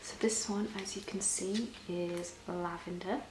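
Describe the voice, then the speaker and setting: Woman, ASMR role-play, soft and breathy, lowish pitch, gentle shop-assistant explaining, noisy recording. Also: fairly even intonation, measured pace. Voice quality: soft-spoken, often breathy and soft-spoken. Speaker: ASMR performer playing a personal shopper. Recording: roomy echo, clear background noise.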